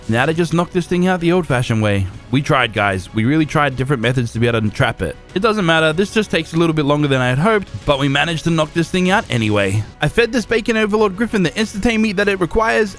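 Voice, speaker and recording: Excitable young man narrating gameplay. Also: medium pitch. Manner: lively and excitable, with sudden exclamations. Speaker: gaming YouTuber. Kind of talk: narrated gameplay recap with live reactions.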